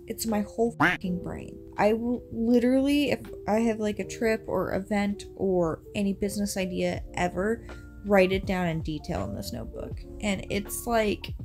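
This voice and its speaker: A young woman in her twenties talking to her phone camera in a casual vlog, tired and rambling with lots of fillers, first from bed and then indoors in a small rental house. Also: mid-range voice. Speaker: content creator. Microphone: phone held at arm's length.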